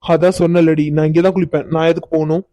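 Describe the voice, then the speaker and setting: A woman's voice: low voice, level tone, dark tone, no room sound, close to an everyday voice. A woman playing a cocky teasing village youth. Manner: teasing, unhurried, mock-innocent. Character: teasing young village man, cocky and playful. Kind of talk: cartoon voice acting.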